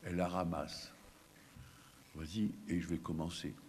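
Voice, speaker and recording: A man's voice: low-pitched, fairly even intonation, a little slow, darkish tone. A man voicing a stubborn, scheming baby boy who gleefully tells how he outwits his mother. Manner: gleeful first-person storytelling, mock triumphant. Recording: long hall reverb, faint background noise.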